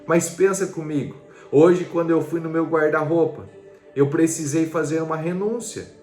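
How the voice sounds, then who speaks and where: A man's voice: on the high side, fairly even intonation, moderate pace. A man preaching a devotional sermon, earnest and urging, asking the listener rhetorical questions. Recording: roomy with soft music behind. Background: soft background music.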